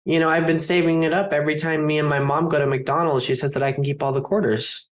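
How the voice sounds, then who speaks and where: A man's voice: fairly high pitch, fairly even intonation, fast, close to an everyday voice. A man improvising a naive young boy at the opera, talking in a hesitant, fumbling way. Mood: earnest. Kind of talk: improvised comedy scene.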